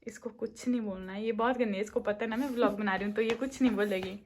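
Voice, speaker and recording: A woman's voice: medium pitch, steady tone, quick pace, darkish tone, slight background noise. A woman in her twenties talking casually into her phone for a home vlog, chatting and coaxing her small daughter along. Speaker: vlogger and mother. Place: at home and in a car.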